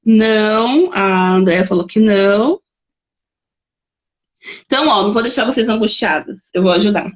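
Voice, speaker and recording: Husky Brazilian woman teaching on a live stream. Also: medium pitch, normal speed, pauses often, muffled recording. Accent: Brazilian Portuguese. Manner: chatty, reads out viewer comments and gives worked examples. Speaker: educator hosting a live stream.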